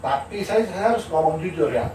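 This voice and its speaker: An older man, an architect and lecturer, giving a candid, animated informal talk and laughing as he tells stories. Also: a little high, fairly quick. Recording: roomy, distant mic with noisy ambience.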